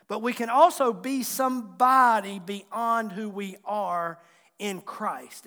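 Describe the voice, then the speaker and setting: A Southwest Virginia man in his forties preaches from the pulpit with a fairly high voice. His manner is folksy and self-deprecating, with easy jokes for his congregation. The sound rings out in a church with a long, trailing reverb. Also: a bit bright. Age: 40s. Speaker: pastor. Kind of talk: sermon. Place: church sanctuary.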